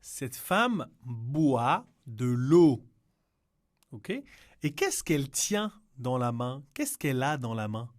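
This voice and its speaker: A man teaching to beginners, repeating words slowly and explaining in Spanish, patient and clear. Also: medium pitch, sing-song. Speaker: French teacher. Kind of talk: slow, clear language lesson.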